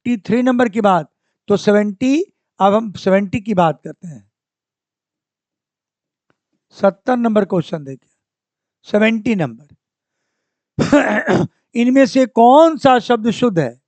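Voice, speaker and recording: Male grammar tutor, high-pitched, slow and drilling, repeats each word; dry close recording. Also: animated, a little mellow, dry recording. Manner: slow and repetitive, saying each word several times and correcting it; clears his throat often. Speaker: Hindi grammar teacher. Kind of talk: exam-prep lesson, working through spelling questions.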